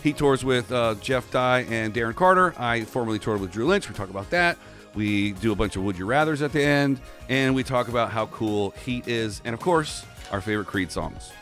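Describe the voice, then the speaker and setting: A young man hosting a podcast, opening with an upbeat intro and then talking in relaxed banter with his guest. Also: mid-range voice, normal speed, faint music behind. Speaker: podcast host. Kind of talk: casual podcast chat.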